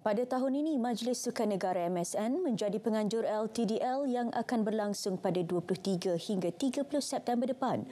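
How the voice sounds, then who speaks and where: A young woman presenting sports news in a TV studio, reading a script in a steady, formal newsreader delivery. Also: on the high side, a little fast, hardly any pauses. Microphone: studio mic, seated at desk.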